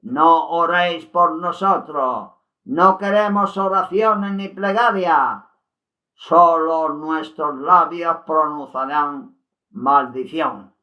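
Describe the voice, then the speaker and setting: A man's voice: fairly high pitch, slow pace, muffled recording, voice pushed up. A man reading the lines of a condemned soul in hell who bitterly curses the living. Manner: declaiming, cursing.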